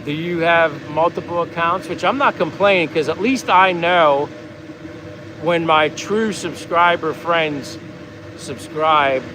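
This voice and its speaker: Taking his time, an American man with a voice on the high side talks over some background noise. His casual vlog feels like a relaxed livestream chat, as he drifts easily from thought to thought while going through viewer comments.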